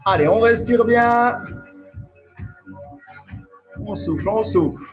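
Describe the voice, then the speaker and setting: A man's voice: high voice, slow. A man leading a live online workout class as fitness coach, counting down reps and coaxing people on in an upbeat way over a video call. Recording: dull lo-fi video call audio. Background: faint workout music.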